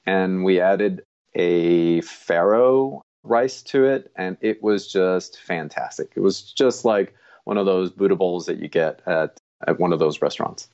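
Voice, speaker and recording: A man's voice: deep voice, unhurried, a little mellow, dull audio. A man in his fifties, originally from Colombia, chatting casually as a podcast guest, often laughing and repeating words. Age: 50s. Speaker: guest dietitian.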